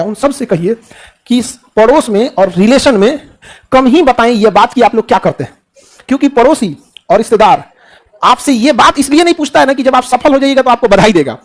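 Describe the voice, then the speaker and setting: Addressing students in a motivational speech, a middle-aged man with a Bihari Hindi accent jokes in everyday language and answers his own rhetorical questions. His voice is very high-pitched.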